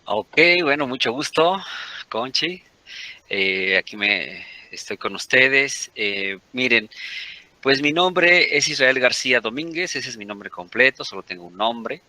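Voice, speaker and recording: A man's voice: mid-range voice, lively intonation, unhurried, pushed and bright, no room sound. A Mexican man in his forties, a guest in a conversational interview, rambling and often correcting himself mid-sentence. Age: 40s.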